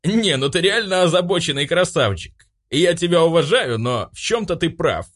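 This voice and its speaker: A man's voice: a little high, lively intonation, normal speed, a bit bright, voice pushed up. A man doing a rowdy drunk young joker. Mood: boastful. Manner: slurred boastful toasting.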